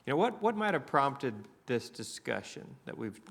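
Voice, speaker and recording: A man's voice: mid-range voice, very animated, moderate pace, gravelly, a bit bright. A man with a Southern US accent leading a church Bible class, talking in a conversational way and putting questions to the class. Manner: conversational, asks the class questions, many restarts.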